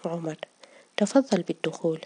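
A woman voicing a stern middle-aged orphanage director who speaks curtly and in a hushed way. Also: fairly low pitch, lively intonation, normal speed, husky.

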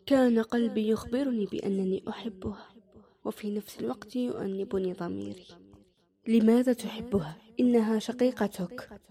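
Brief: woman reading a conflicted young man, quiet and bitter, mellow storybook voice. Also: on the high side, moderate pace, natural voice. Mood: brooding.

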